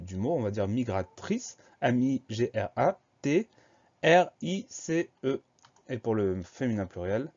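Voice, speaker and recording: A man teaching a spelling lesson, explaining words slowly and spelling them out letter by letter. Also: medium pitch, a little mellow, muffled recording.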